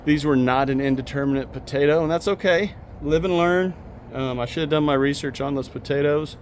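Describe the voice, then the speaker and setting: Man, mid-pitched, easygoing garden-channel host, faint outdoor hum behind him. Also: darkish tone. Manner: chatty and practical, addressing viewers as y'all. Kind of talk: casual gardening vlog. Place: outdoors in a backyard garden, then indoors.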